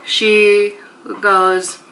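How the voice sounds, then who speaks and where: A young woman vlogging to her viewers in a chatty, animated way, often laughing. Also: medium pitch, very slow, rough recording. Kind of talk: casual chat to camera.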